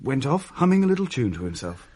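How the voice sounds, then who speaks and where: An actor playing a young adult son narrating a radio play in a wry, understated way. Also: male voice, medium pitch, big pitch swings, fast talker, darkish tone.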